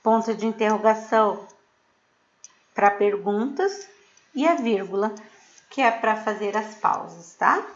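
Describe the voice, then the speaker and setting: A woman's voice: medium pitch, a little slow, long pauses, lo-fi sound. A middle-aged woman teacher explaining a lesson to her pupils patiently, checking in often to see that they follow. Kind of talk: recorded remote class lesson.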